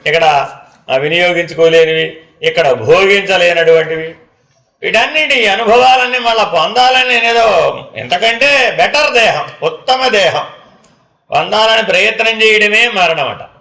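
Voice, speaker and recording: A man teaches Vedanta in a fairly high, gravelly voice. He chants verses slowly and answers his own questions, and his voice rings through an echoey hall. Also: animated, bright, forceful tone. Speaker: spiritual teacher. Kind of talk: Vedanta discourse.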